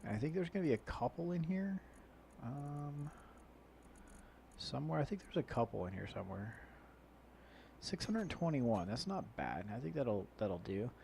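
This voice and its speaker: A man's voice: medium pitch, creaky, darkish tone. A man with a nasal, congested-sounding voice gives casual, rambling let's play commentary, muttering to himself as he goes. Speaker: gaming video host. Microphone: low-quality microphone. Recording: poor mic with chopping helicopter-like noise. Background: helicopter-like equipment noise.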